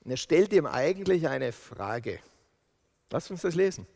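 A man preaching a sermon, telling the story with lively sound effects and acted-out lines. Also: on the high side, a little slow, gravelly. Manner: animated storytelling, acts out quotes. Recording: long reverb of a large hall.

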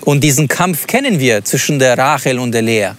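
A man's voice: mid-range voice, animated, moderate pace, slight background noise. A man teaching on a Bible passage, thinking aloud and asking open questions. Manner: reflective, asks open questions. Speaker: preacher.

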